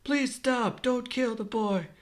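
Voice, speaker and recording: A man voicing an older village mayor with a high, pleading voice. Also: slow.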